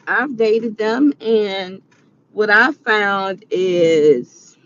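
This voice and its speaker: A woman's voice: medium pitch, very slow, fairly bright tone, dull audio, a little hiss or hum. A woman in her forties giving earnest, preachy advice in a casual vlog monologue. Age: 40s. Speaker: vlogger.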